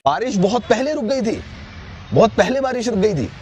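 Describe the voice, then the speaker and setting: A man's voice: sits high, very animated, moderate pace, darkish tone. A man with a Pakistani Urdu accent reporting with mocking, vivid exaggeration. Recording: crowd noise behind.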